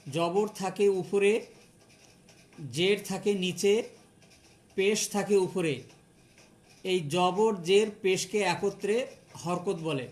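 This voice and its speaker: A man with a Bangladeshi Bengali accent teaching Quran reading in a patient lesson, repeating each point step by step after a formal greeting. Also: sits high.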